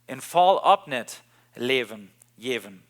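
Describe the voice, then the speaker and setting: A man's voice: mid-range voice, lively intonation, slow. A man preaching a sermon, repeating key phrases with emphasis and switching between languages mid-sentence.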